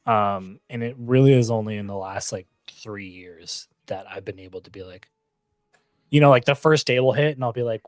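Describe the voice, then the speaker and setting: A man's voice: medium pitch, no room sound, faint music behind. A man from California, chatting casually and reflectively with many fillers. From West Coast, California. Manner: reflective, filler-heavy, drawn-out phrasing. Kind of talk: casual chat.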